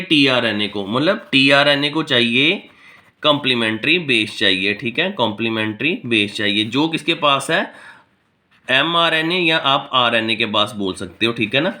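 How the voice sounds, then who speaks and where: A male tutor gives a recorded lecture in a bright, somewhat tense voice. He poses questions to his students and answers them himself, with frequent fillers and restarts. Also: mid-range voice. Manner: explains by asking and answering his own questions, many fillers. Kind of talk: recorded lecture mixing Hindi and English.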